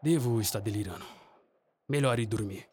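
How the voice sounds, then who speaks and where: An actor playing an earnest Arctic explorer leading an expedition in a radio drama. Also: male voice, fairly low pitch, moderate pace, natural voice. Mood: startled, bewildered. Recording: clearly noisy background ambience.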